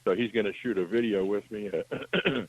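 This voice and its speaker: A man calling in to a radio show, talking about his magazine in a relaxed, rambling way, heard over a muffled line. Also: fairly low pitch, moderate pace, husky, dry recording. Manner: relaxed, rambling, many fillers. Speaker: phone-in guest, magazine publisher. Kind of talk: casual radio call.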